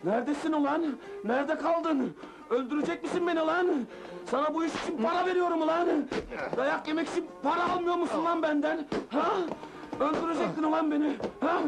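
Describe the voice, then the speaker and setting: Shrill, short-fused club boss, old film, music under. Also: male voice, moderate pace, gravelly. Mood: raging. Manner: explosive shouting, groaning and sighing. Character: hot-tempered nightclub boss, middle-aged man. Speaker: nightclub owner. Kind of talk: 1970s film acting. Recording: film soundtrack with music behind.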